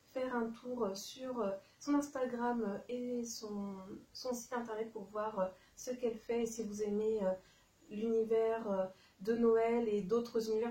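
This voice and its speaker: A woman's voice: a little high, mellow, distant mic. Chatty woman vlogger in an echoey room. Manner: hesitant, many fillers and restarts; chatty, addresses viewers directly. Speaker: YouTube haul vlogger. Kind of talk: casual haul vlog. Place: room at home, dim light.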